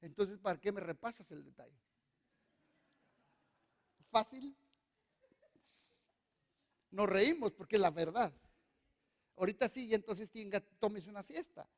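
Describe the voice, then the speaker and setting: A man's voice: high voice, lively intonation, unhurried, pauses often. A male pastor preaching a sermon, speaking emphatically and calling on the congregation to repeat after him. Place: church hall. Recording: long reverb of a church hall.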